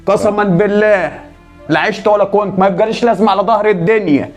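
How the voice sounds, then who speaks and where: A man's voice: high voice, steady tone, quick pace, faint music behind, close to an everyday voice. Man playing a boastful, protective Egyptian brother. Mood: indignant. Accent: Egyptian Arabic. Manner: boastful, insistent questioning.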